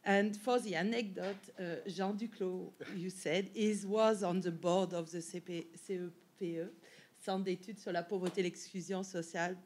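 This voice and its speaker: A professor speaking on a panel at an academic conference has a low-ish, darkish woman's voice with fairly even intonation and a moderate pace. She has a French accent, French being her first language, and often restarts and corrects herself. A little hiss or hum is audible.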